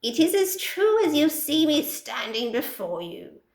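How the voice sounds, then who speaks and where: A woman's voice: high voice, very animated, a little slow, echoey room, pitched above the performer's own voice, heavily acted, rough recording. A woman voicing a fearful, scheming male starfish wizard who speaks with a trembling, fawning voice in a storybook. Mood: bold.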